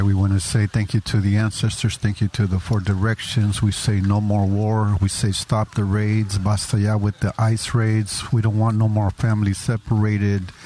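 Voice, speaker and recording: A man's voice: on the low side, completely flat delivery, normal speed, dark tone, slight background noise. A man announcing at an outdoor sunrise ceremony, making firm, declarative statements. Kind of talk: announcing at a rally.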